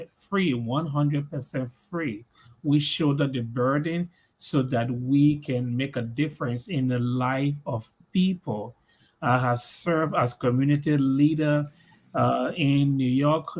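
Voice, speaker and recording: A middle-aged Liberian man answering interview questions slowly, pausing often with "uh". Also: mid-range voice. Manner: slow, measured, with many "uh" pauses. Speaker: guest, community leader.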